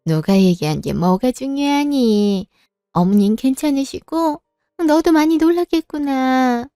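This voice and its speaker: A woman's voice: sits high, expressive, a little slow, warm tone, clear, resonant tone, dry recording, studio quality, soft background music. A woman playing an older mother-in-law who speaks firmly but kindly. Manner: firm, motherly, decisive. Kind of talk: Korean drama voice acting.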